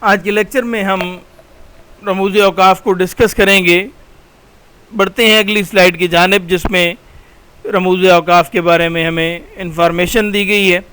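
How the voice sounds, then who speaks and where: A man's voice: high voice, fairly even intonation, measured pace, pushed and bright, clear, resonant tone. A middle-aged man with a Pakistani Urdu accent, teaching a recorded slide lecture, patient and explanatory, repeating key terms.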